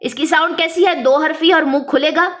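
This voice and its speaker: A woman teaching beginners letter by letter, explaining patiently and sounding each letter out slowly and drawn out. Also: sits high, fairly even intonation, fairly bright tone. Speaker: Quran reading teacher. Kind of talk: step-by-step lesson.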